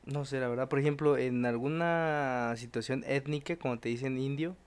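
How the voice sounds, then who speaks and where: A man's voice: medium pitch, fairly even intonation, moderate pace, clear, resonant tone. A young Mexican man in casual podcast chat, thinking aloud with many restarts. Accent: Mexican Spanish. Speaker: podcast co-host.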